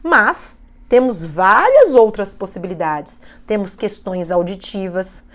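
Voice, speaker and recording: Lively, expressive woman teaching parents. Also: mid-range voice, slow pace. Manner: expressive, acts out parents' voices. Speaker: speech therapist. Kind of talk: educational talk to parents.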